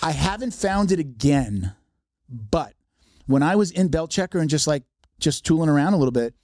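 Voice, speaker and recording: A man's voice: on the high side, animated, moderate pace, darkish tone, no room sound, studio quality. Rambling man hosting a podcast. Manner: rambling, many restarts and fillers. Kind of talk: casual podcast conversation.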